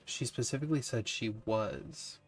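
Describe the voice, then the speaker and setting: A man's voice: mid-range voice, moderate pace, faint music behind. A man narrating as game master of a tabletop game, describing scenes in a descriptive, easygoing way.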